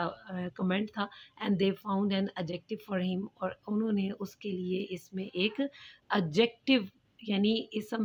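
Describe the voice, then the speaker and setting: A woman teacher who reads English lines slowly and then explains them with synonyms, calling her students "beta". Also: medium pitch, slightly rough, low-quality recording. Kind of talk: explaining an English novel chapter in Urdu-Hindi.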